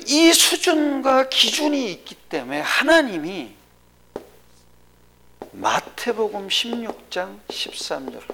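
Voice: mid-range voice, sharp tone. A pastor preaching a sermon to a congregation, often asking questions and dropping to a whisper for emphasis. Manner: drops to a whisper for emphasis, asks the audience questions.

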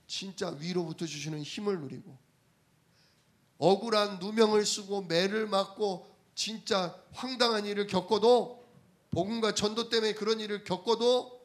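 High-pitched man preaching a sermon. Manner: asks the congregation rhetorical questions; conversational storytelling from daily life.

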